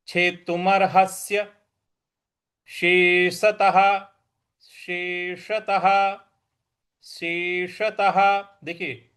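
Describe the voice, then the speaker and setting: A man teaching Sanskrit verse recitation, saying each word slowly and repeating it before explaining how to pronounce it. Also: on the high side. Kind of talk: slow syllable-by-syllable recitation lesson.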